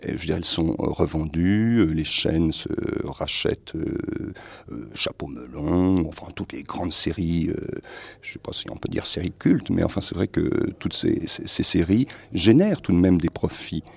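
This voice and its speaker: A man's voice: sits low, animated, normal speed, gravelly, husky, dry recording. A man, a dubbing actor, answering interview questions hesitantly, with many fillers and repeated words.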